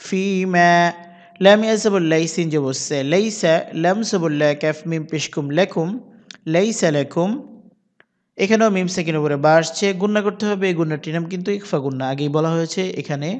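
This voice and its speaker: High-voiced man teaching Quran reading, reverberant. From Bangladesh. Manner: spells letters and vowel marks aloud, then recites slowly with long drawn vowels. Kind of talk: spelled-out Quran reading lesson with tajweed.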